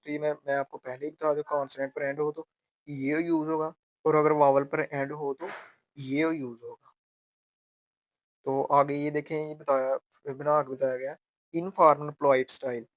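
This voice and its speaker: Man explaining grammar, slightly high voice. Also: dry recording. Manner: slow, repetitive teaching, drawing out example phrases. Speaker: language teacher.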